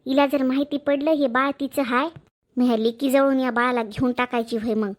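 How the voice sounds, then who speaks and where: A woman plays a harsh mother-in-law who runs her household with scolding. She is sharp-tongued and scheming, and her voice sits high. The delivery is village family-drama acting. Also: fairly even intonation, fairly quick, lightly acted. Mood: scornful.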